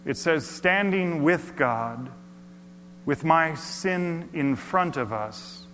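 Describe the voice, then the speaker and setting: A man preaching a storytelling sermon, dramatic, dropping to hushed near-whispers and rising to loud bursts. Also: fairly high pitch, animated, drawn-out words. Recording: long hall reverb, faint hum.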